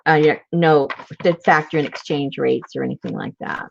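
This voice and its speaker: In a slightly dull lo-fi recording with slight background noise, a junk journal crafter hosts her channel, talking at normal speed in a low-pitched voice with vocal fry. She chats while crafting and laughs often through her stories.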